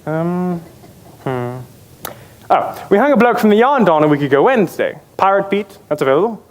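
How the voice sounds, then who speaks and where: An actor playing a vain, flamboyant pirate captain in a stage musical, theatrical and wordy, with a swaggering, wheedling manner. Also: male voice, high voice, very animated, moderate pace, low-quality recording.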